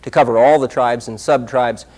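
A man giving scripted documentary narration in a measured, explanatory way. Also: mid-range voice, fairly even intonation, a little mellow.

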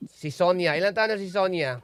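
A man's voice: high voice, a little fast, a bit bright, clear, resonant tone. A man hosting a call-in radio show, teasing callers and laughing often. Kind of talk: playful call-in radio banter. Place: radio studio.

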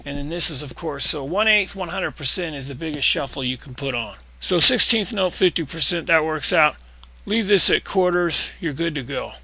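A man giving a casual, profane screen-recorded tutorial on music software, explaining settings step by step. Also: on the high side, lively intonation, moderate pace, gravelly.

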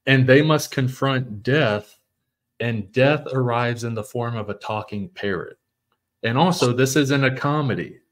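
A podcast co-host with a medium-pitched voice chats casually and a little slowly, meandering as he searches for words.

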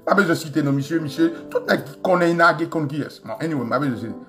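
Haitian man, high and forceful, combative live-stream commentary with faint music under it. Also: racing. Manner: animated, shouting bursts, code-switching, swearing. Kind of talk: heated live-stream rant.

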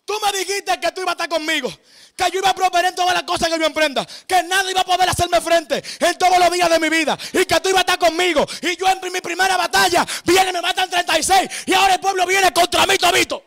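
A man's voice: very high voice, fairly even intonation, quick pace, creaky, bright, forceful tone, exaggerated voice. A preacher voicing Joshua as a frightened young male leader who pleads and protests. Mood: protesting.

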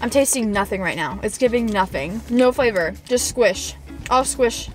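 A young woman with a somewhat high voice speaks through a mouthful of food, chewing as she talks. She keeps her verdicts blunt and repetitive in a casual vlog style. Faint music plays underneath. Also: lively intonation, normal speed, poor audio. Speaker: food vlogger.

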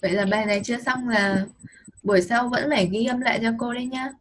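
A woman with a Vietnamese accent teaches English over a video call, her voice somewhat husky and pitched a little high. She talks patiently and coaxingly, spelling out words letter by letter as she corrects a child's homework. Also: fairly even intonation, fast.

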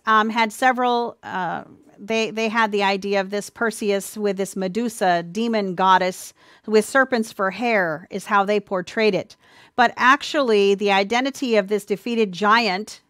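A woman giving an earnest, sermon-style Bible teaching, speaking warmly to listeners as dear ones, with a few ums and restarts. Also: mid-range voice, no room sound, clean studio sound. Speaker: presenter of a church teaching.

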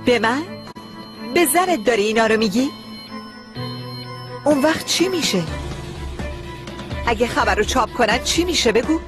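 A woman's voice: on the high side, expressive, pauses often, music in the background, natural voice. An actress dubbing a scheming, defiant wife who talks back to her husband. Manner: defiant, pointed. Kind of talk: Persian dub of a TV drama.

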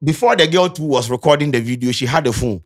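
A Ghanaian man hosting a casual reaction chat, teasing and expressive. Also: medium pitch, fast talker, faint music behind. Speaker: show host.

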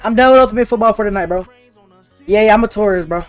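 With soft music in the background, a teen boy chats with his stream's viewers while gaming, his high voice moving at a quick pace. He keeps things slangy, relaxed and casual as he talks to chat.

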